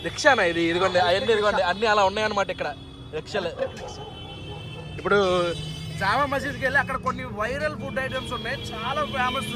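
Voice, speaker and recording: Filming on a handheld phone as he moves through an airport and streets, a young man chats casually and ribs his friends for his travel vlog. He talks fast in a high voice with fairly even intonation, over noisy street and traffic sound.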